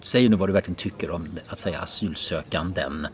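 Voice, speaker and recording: A man co-hosting a casual chat podcast, playful and teasing, who repeats himself for effect. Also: low-pitched. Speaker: podcast co-host.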